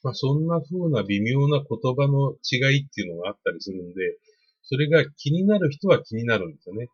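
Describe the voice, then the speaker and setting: A middle-aged man speaks in a relaxed, polite advice monologue, explaining his points at length with many fillers. His voice is a little husky and sits in an ordinary middle range. The recording sounds dull and lo-fi. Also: medium pitch, brisk. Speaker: podcast host on email marketing. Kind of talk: casual spoken advice monologue.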